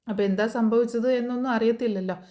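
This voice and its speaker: A woman's voice: fairly high pitch, steady tone, quick pace, warm tone. A woman casually retelling a TV serial episode as a voice-over, chatty and full of fillers. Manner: chatty, frequent fillers and tag words. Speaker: serial review narrator. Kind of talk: casual storytelling recap.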